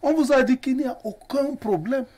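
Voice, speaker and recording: Fifties guy on a tv panel, high-pitched and animated, other voices chiming in around him. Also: normal speed, a crowd in the background. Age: 50s. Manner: animated, emphatic, gesturing. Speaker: politician guest. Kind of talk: heated panel debate. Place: TV studio. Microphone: lapel mic.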